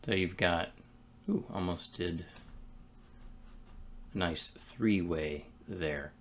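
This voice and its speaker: A man with a very low, gravelly voice talks slowly and casually to himself while building a game at his desk. He muses in short, unhurried phrases, and faint keyboard clicking and background noise sit behind him. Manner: relaxed, musing, talks to himself between pauses. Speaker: game developer streaming his work. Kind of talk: casual thinking-aloud commentary while working.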